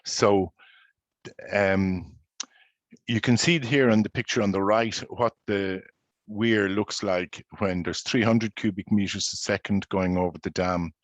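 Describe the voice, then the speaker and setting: Deep-voiced man explaining river tides. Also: fairly even intonation, no room sound. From Ireland. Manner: measured, explanatory, with frequent fillers. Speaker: presenter, paddler. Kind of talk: informal presentation with slides.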